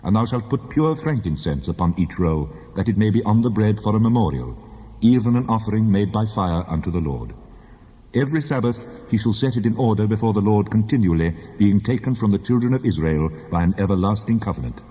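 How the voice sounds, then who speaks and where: An actor playing God as a solemn, commanding deity, proclaiming laws in formal archaic language in a dramatized scripture reading. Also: male voice, lowish voice, lively intonation, a little fast, mellow, husky. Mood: solemn, instructing. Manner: solemn, authoritative, declamatory. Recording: long cavernous reverb on the voice.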